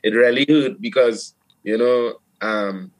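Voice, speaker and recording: In a rough recording, a steelpan player and producer from Trinidad chats in a casual interview, his Trinidadian accent clear. His voice is medium-pitched and slow but animated, with frequent restarts and plenty of "you know."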